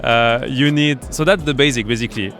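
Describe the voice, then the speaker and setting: A French-accented man who founded a startup accelerator is interviewed at a startup event, explaining his business conversationally but haltingly, with lots of fillers and restarts. His voice is mid-range, and music plays underneath.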